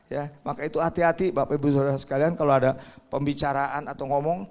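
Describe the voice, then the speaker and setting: An older man preaching a sermon, animated, swinging between loud stresses and quiet asides. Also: a little high, quick pace. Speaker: Sunday school preacher.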